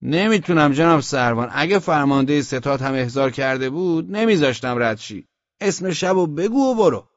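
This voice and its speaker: A man's voice: a little high, expressive, no room sound, in a large hall, voice pushed up. A man voicing a stubborn, simple-minded young male soldier on guard duty, speaking in a raised, insistent voice, in a dull lo-fi audiobook recording.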